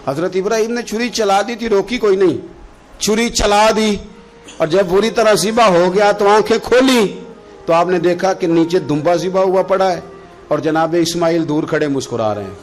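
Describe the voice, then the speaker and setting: High-pitched preacher; fiery sermon with slow chanted recitation, faint music under. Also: male voice. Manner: swings between loud impassioned exclamations and soft slow recitation. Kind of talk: emotive Urdu sermon with Quranic recitation.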